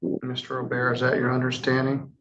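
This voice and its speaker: A man presiding as a judge in a courtroom, reading charges in a measured, formal way with casual asides. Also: mid-range voice, monotone, a bit bright, dull audio, slight background noise. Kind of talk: courtroom proceedings.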